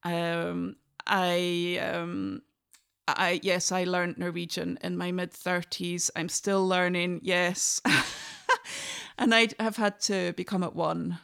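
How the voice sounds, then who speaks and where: Her voice is lowish, creaky, smooth and a bit bright, with a flat, slow delivery. She is a Scottish musician in her forties, a guest in a reflective conversation, speaking thoughtfully and frequently starting sentences over.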